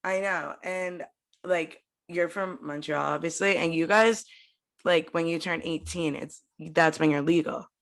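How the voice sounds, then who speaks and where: A young American woman in her early twenties co-hosts a casual podcast while hungover. Her voice sits low, and her chatty sentences are peppered with "like". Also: unhurried, gravelly, fairly bright tone. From United States. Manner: frequent use of "like". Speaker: podcast co-host. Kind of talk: casual chat.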